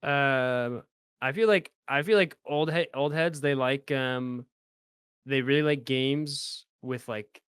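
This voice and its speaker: Smooth-voiced young man, playful co-host. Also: mid-range voice, slow, fairly bright tone, no room sound, studio quality. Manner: playful, laughing, runs the segments. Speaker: podcast co-host. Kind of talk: casual chat.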